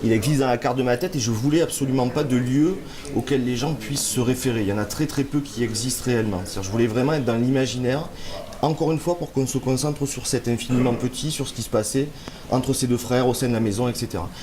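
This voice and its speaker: Talking fast in a mid-range voice, a man from France who is an author appears as a guest in a relaxed interview. He answers thoughtfully but hesitantly with lots of fillers, and sounds a bit stuffy from a cold. Crowd noise runs underneath.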